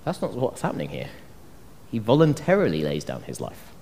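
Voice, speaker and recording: Animated male preacher in a reverberant hall. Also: lowish voice, fairly quick, creaky, a little hiss or hum. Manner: animated storytelling, acting out quoted voices. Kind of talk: sermon. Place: church hall. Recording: long reverb of a church hall.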